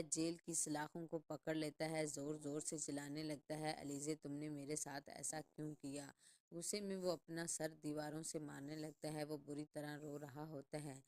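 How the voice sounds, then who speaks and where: A woman narrating a scripted drama recap in a dramatic, suspense-building way. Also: deep voice. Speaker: channel narrator.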